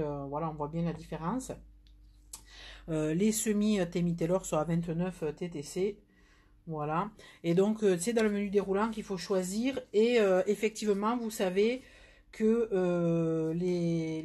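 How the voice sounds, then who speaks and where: A nail product seller with a southern French accent chats her way through a live nail polish demo, full of fillers and restarts. Her voice is fairly low and a little mellow.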